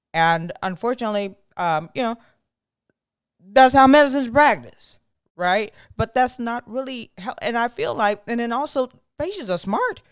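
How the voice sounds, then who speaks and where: A woman physician hosting her own channel, talking to viewers in a chatty, animated way and laughing often. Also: medium pitch, dry recording. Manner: lively, conversational delivery. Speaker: physician host. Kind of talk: casual talk to viewers.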